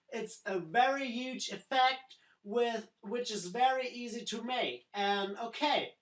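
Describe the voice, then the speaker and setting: A woman giving a screen-recorded music software tutorial, in simple phrasing that doubles words like "very, very". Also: fairly high pitch, reverberant, rough recording.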